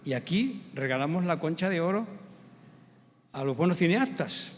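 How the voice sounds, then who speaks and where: High-voiced Spanish pastor in echoey hall. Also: male voice, slight background noise. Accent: Spain. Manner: animated storyteller who acts out quoted voices; builds to emphatic, slow preaching. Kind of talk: storytelling sermon. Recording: long church hall reverb.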